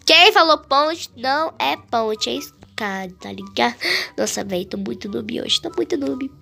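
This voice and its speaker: A woman with a Brazilian Portuguese accent giving chatty, excitable gameplay commentary full of slang. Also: fairly high pitch, normal speed, creaky, soft background music. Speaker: gaming YouTuber.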